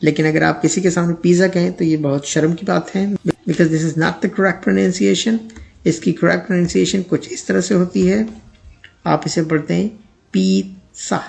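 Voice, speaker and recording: A man teaching English pronunciation in a lesson, speaking, who repeats each word slowly and then reads out an example sentence. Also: high-pitched, steady tone, creaky, a little mellow.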